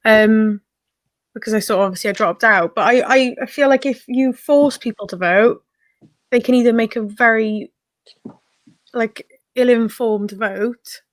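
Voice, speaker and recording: A woman on a discussion panel, giving her view hesitantly with frequent pauses. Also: a little high, dry recording. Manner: hesitant, many ums and restarts.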